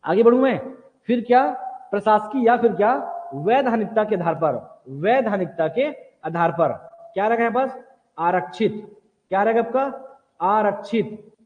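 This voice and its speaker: A man with a high-pitched voice leads an exam coaching class, firing short repeated questions and answering them himself. He keeps telling the students what to write down. The sound is thin and phone-like, with a long hall reverb. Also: expressive, moderate pace. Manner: repetitive question-and-answer drilling; directs students to write notes. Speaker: teacher.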